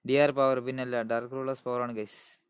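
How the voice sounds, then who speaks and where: A man's voice: medium pitch, little pitch movement, normal speed, smooth, dry recording, clean studio sound. A man with a Malayali accent hosting a casual gaming live stream, calling out greetings and hype to viewers and mixing English words into Malayalam.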